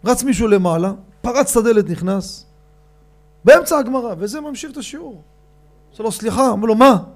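A man giving a rabbi's storytelling sermon, animated and addressing his audience directly. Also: high voice.

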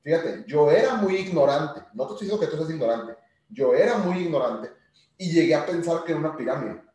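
A man's voice: fairly high pitch, fast talker. Echoey, distant man giving a sales talk. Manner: animated, speaks directly to listener. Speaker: sales trainer. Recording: very echoey room, distant from mic.

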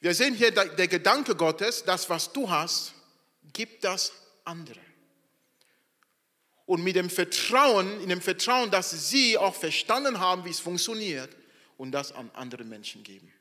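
A man preaching a sermon as the church's pastor, swinging from loud emphatic lines to quiet asides. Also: high-pitched, lively intonation, unhurried. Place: church hall. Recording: long hall reverb.

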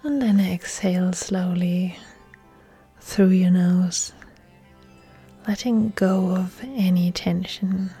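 Over soft music, a female yoga instructor guides a relaxation meditation. Her low-leaning voice is soft, breathy and soothing, with long pauses between phrases.

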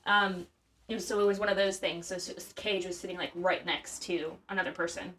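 A woman's voice: fairly even intonation, fairly quick, a bit bright. Chatty woman telling stories. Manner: rambling, many fillers, bursts into high acted quotes. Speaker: podcast co-host. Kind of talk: casual chat, storytelling.

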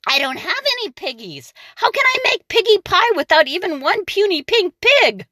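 A woman's voice: sing-song, moderate pace, sharp tone, no echo, studio quality, heavily acted. A woman voicing a grouchy, hungry old witch who screeches and cackles as she schemes. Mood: frantic. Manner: shrill, gleeful, cackling.

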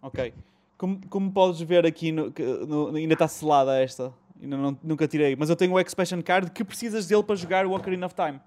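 A man's voice: on the high side, fast, a little mellow. A man with a European Portuguese accent hosting a casual chat, slangy and mixing in bits of English. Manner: colloquial, slangy, swears and mixes in English. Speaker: host. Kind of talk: casual chat about retro gaming.

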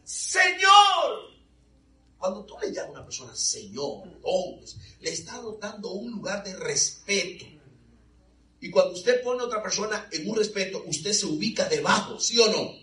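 A man preaching a sermon in a church, animated and calling on the congregation for answers. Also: sits high, moderate pace. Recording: echoey hall, mic far off.

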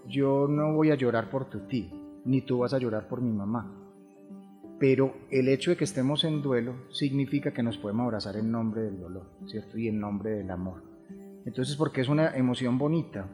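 Man, mid-pitched, calm explainer on grief; long hall reverb, faint music under. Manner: calm, explanatory, rhetorical questions. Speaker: grief therapist guest. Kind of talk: reflective podcast conversation.

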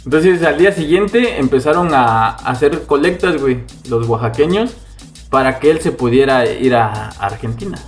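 A Mexican man with a mid-range voice in casual podcast talk. He tells things haltingly, searching for his words, with some music behind him. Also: medium pitch, lively intonation. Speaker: podcast co-host.

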